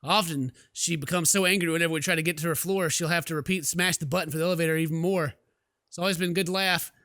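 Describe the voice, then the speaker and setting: Fast and steady in tone, the man's pushed, bright voice sits on the high side while he delivers theatrical, playful let's play commentary as a gaming video host, reading game text aloud and exclaiming. Recorded with a close mic at his desk, there's no echo, only faint game music.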